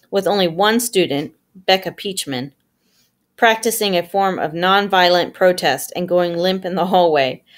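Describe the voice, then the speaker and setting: A woman reading a novel aloud with steady storytelling, giving the characters their own voices. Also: lowish voice. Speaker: audiobook reader.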